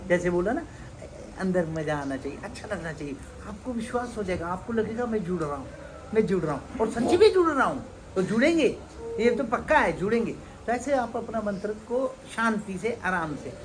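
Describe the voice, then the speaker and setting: A man's voice: high-pitched, animated, moderate pace. A man giving an earnest devotional talk as a spiritual teacher, urging listeners and repeating his points for emphasis. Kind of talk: devotional talk at a religious gathering. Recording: noisy live recording with ambience.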